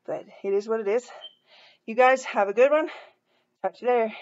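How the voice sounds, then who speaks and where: On a muffled recording, a fortysomething vlogger with a fairly high voice talks a little fast. She's worn out and slightly out of breath while moving out of her home, and her casual vlog is rambling, frank and self-deprecating.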